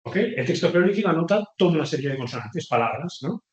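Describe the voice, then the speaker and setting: A man's voice: fairly high pitch, animated, quick pace, echoey room, muffled recording. A man teaching a beginners' class, explaining patiently and often checking in with the students. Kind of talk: classroom lecture.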